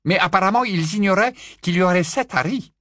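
A man's voice: sits high, fairly quick, fairly bright tone, no echo, clean studio sound, pitched above the performer's own voice. Lupin: a man doing a tense, earnest wizard. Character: tense middle-aged male wizard, earnest. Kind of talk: audiobook character reading.

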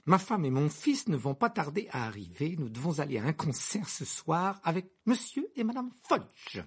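A delirious male wizard official who wanders between polite small talk and broken pleading. The voice is slightly husky and dips low, with a lively rise and fall in its pitch. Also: normal speed, full character voice. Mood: dazed, formal. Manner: rambling, broken speech. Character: deranged middle-aged male ministry wizard, rambling and lost. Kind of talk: audiobook character reading.

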